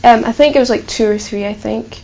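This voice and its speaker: A student interviewee from Burundi, a woman in her twenties, answers questions casually with a light Glaswegian Scottish accent, chatty and full of ums and likes. Her voice is on the high side and mellow, her pace brisk, and the recording is muffled with slight background noise.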